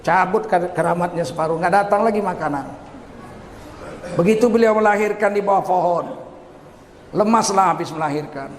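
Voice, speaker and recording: A man from Indonesia preaching a humorous sermon, telling the story with lively asides and acted-out quotes. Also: high-pitched, moderate pace, long pauses, echoey room, big-room sound.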